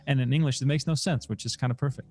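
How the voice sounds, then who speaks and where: A man's voice: medium pitch, racing, a little mellow, faint music behind. A man co-hosting a poker stream, chatting casually with dry, teasing humor. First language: Dutch. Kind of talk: casual co-host banter.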